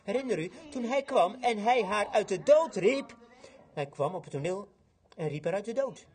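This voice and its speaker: A male preacher delivering a sermon in dramatic storytelling fashion, swinging between loud outbursts and hushed passages. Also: high-pitched, animated, normal speed.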